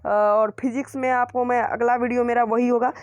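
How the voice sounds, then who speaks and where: A man's voice: very high voice, flat delivery, fairly quick, no echo. Man, channel host, casual book recommendation, repetitive, hesitant fillers, dry close sound. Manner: repetitive, keeps qualifying his points. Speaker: YouTube channel host reviewing school books.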